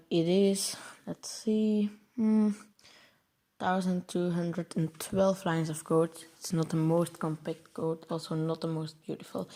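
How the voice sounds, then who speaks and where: A young Belgian man who hosts a programming channel walks through his coding project over slides, stumbling on long words. A native Dutch speaker with a Belgian Dutch accent, he has a high voice with a darkish tone.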